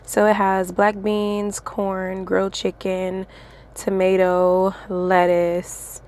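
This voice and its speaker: A woman's voice: mid-range voice, completely flat delivery, slow, darkish tone. A young woman vlogger chatting casually and slangily, laughing often as she talks. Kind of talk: casual vlog chat. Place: in a car.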